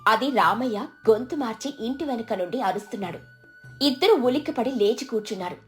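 A woman tells a cartoon moral story with a high, bright-toned voice. Her telling is lively and practiced. Light music plays under her. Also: fairly quick. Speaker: narrator. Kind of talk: scripted storybook narration.

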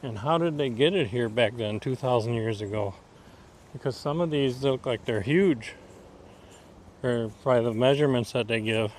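Man, from Wisconsin, folksy, thinking aloud, casual vlog, middle pitch, outdoors, light background ambience. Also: normal speed, a little mellow, a little hiss or hum. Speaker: vlogger exploring a mound preserve. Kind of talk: casual walking vlog commentary. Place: outdoors in a wooded preserve.

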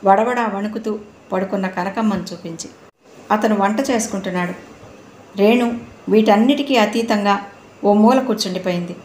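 Woman reading a novel out loud, steady, echoey room with a little hiss. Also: mid-range voice, moderate pace, long pauses. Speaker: audiobook narrator. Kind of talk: scripted novel narration. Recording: roomy room, faint noise.

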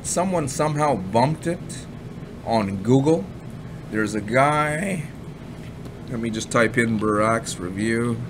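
A man's voice: medium pitch, animated, slow. A Canadian man from Ottawa giving blunt, rambling casual commentary over a screen recording, repeating himself and swearing now and then. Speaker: online marketing reviewer. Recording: audible background noise.

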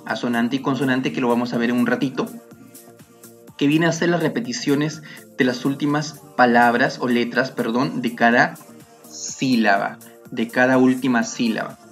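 A man teaching a lesson on poetry, explaining patiently step by step and correcting himself as he goes. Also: medium pitch.

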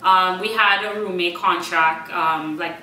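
A woman's voice: fairly low pitch, fairly even intonation, unhurried. Young female student, hesitant casual chat full of fillers, distant roomy mic. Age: young adult. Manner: hesitant, many ums and likes. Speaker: university student.

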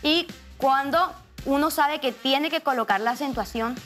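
Bright upbeat woman TV host. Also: high-pitched, measured pace, soft background music. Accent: Colombian Spanish. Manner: upbeat, scripted presenter delivery. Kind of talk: TV show interview.

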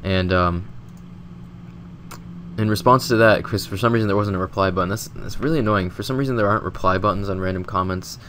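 A man's voice: on the low side, fairly quick, a bit bright, slight background noise. A man with a stuffy, sick nose, casually rambling through a game commentary voice-over with lots of filler words. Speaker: gaming video host.

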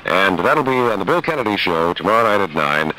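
A man's voice: sits low, big pitch swings, brisk, sharp tone, a little hiss or hum, poor audio. A man hosting a morning radio show with breezy, joking patter from the studio.

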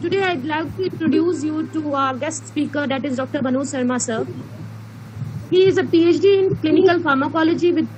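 A woman's voice: high-pitched, a little fast. A woman with an Indian accent reading a formal introduction of a guest speaker. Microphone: video call. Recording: noisy video call.

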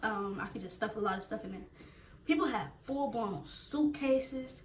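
A young woman vlogger casually retelling her experience in a chatty, animated way. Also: on the high side, moderate pace. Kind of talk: casual storytelling. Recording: roomy, distant, faint noise.

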